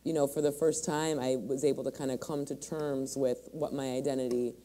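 A woman's voice: very deep voice, steady tone, fairly quick, warm tone. A woman in her forties from Michigan, speaking thoughtfully on a panel, with many restarts. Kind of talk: panel discussion. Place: large hall on a stage.

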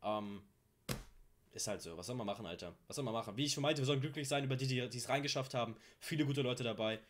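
Excitable German man reacting casually. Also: mid-range voice, fast talker. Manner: excitable, addresses viewers as friends, repeats phrases. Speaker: streamer reacting to rap tracks.

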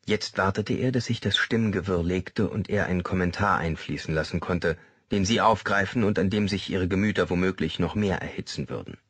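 A man narrating a thriller audiobook in an expressive reading. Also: sits low, fairly quick, few pauses, slightly rough, dry recording. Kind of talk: scripted narration.

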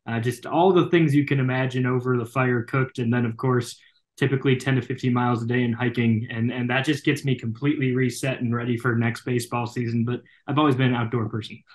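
Man, young adult, podcast guest, casual, filler-heavy, mid pitch. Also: fairly even intonation, fast. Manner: chatty, many fillers and restarts. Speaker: podcast guest, baseball broadcaster. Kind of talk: casual interview chat.

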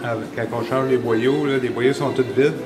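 With music playing underneath, a Québécois French-accented man in his forties explains a repair step by step in an indoor workshop garage. He is a snowmobile mechanic giving a hands-on tutorial, speaking at normal speed with a medium pitch and steady tone, in a casual, rambling style with fillers.

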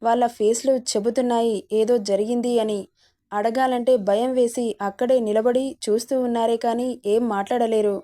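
Mellow-voiced woman storyteller. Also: fairly high pitch, steady tone, normal speed. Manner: dramatic story reading. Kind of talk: scripted narration.

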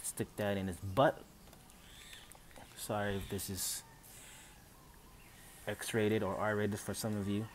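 Speaking slowly with long pauses and a flat delivery, this man has a lowish voice, with slight background noise in the recording. He is a channel host and father of three, casually unboxing at home by a Christmas tree and thinking aloud in an unsure, chatty way, filmed on a phone camera.

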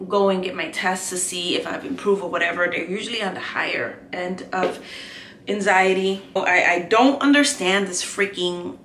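A woman's voice: on the low side, normal speed, fairly bright tone, slight background noise. A woman vlogger chatting candidly and rambling while she does her makeup at home. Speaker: beauty vlogger. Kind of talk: casual get-ready-with-me chat. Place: home, indoors. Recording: echoey room.

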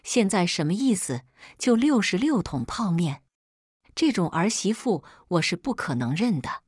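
A woman voicing an older mother-in-law who complains loudly and indignantly. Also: medium pitch, big pitch swings, a little slow, slightly rough, dry recording, studio quality.

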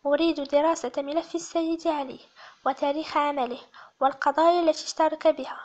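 Terse male investigator played by a woman narrator, calm and curt, high voice, slightly muffled. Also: fairly quick, close to an everyday voice.

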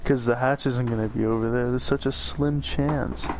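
A man in casual gaming voice chat, teasing his friends with profanity and loud laughter. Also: mid-range voice, steady tone, normal speed. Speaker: gamer in voice chat. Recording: dull lo-fi voice chat.

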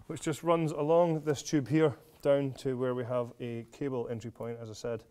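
A man in his thirties presents a product in a friendly, explanatory way, with plenty of "uh" fillers as he goes. His voice sits at an ordinary middle pitch. He speaks indoors in a studio. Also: little pitch movement, moderate pace, a little mellow. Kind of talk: product demonstration. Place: large indoor studio with a tent.

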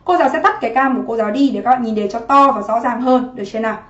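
A woman's voice: fairly high pitch, very fast. A woman teaching a livestream exam-prep lesson from her home office, chatty and constantly asking students to comment. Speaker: English teacher. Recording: muffled roomy livestream audio.

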